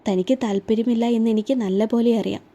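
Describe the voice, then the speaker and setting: A woman voicing a young male police officer who speaks quietly and gently in a romantic audio story. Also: fairly high pitch, fairly even intonation, fast talker. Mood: tender.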